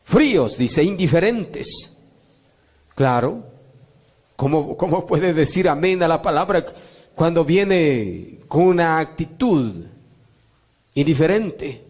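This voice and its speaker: High-voiced man preaching an emphatic sermon. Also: lively intonation, slow, long pauses, darkish tone. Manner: emphatic, repetitive preaching with rising calls of amen. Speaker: pastor.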